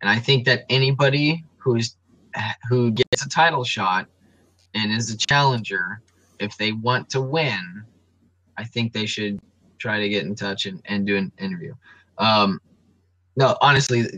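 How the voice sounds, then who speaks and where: Bright-toned man talking fight stats. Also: on the low side, a little slow, dry recording, highs cut off. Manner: analytical, reels off stats with frequent ums. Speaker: sports podcast co-host. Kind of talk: casual sports talk.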